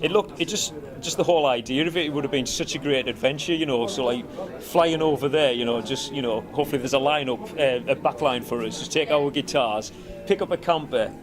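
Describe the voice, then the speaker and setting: Amid live-event crowd chatter and music, a Cumbrian man from a band talks fairly quickly in a mid-range voice. The interview is casual and wandering, peppered with "you know."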